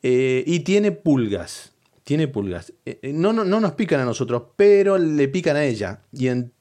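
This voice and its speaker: Middle-aged man, Rioplatense accent, mid-pitched voice, crude rambling stand-up monologue. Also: big pitch swings, unhurried. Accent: Rioplatense Spanish. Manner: crude, rambling and conspiratorial, with sudden loud outbursts. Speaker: comedian. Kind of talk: comic monologue.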